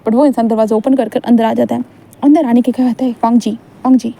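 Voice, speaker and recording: Woman telling a fan story, rambly, high voice but mellow. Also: steady tone, fast, vocal fry. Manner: rambling, with many fillers and restarts. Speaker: fan fiction narrator. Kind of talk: storytelling narration.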